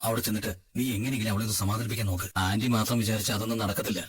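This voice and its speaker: A man voicing a calm young husband who reassures others and gives orders, in an amateur drama dub. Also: fairly low pitch, racing, breathy edge. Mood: urgent.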